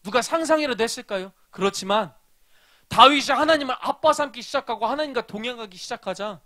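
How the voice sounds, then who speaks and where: High, bright-voiced pastor preaching to kids. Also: male voice, expressive, fairly quick. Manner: storytelling, asks the children questions. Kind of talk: children's sermon.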